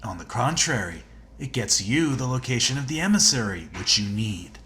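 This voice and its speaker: An actor playing a cynical, self-assured veteran hunter in a video game, speaking in a dry, sardonic and menacingly casual way. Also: male voice, mid-range voice, big pitch swings, moderate pace, sharp tone. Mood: dry, insistent.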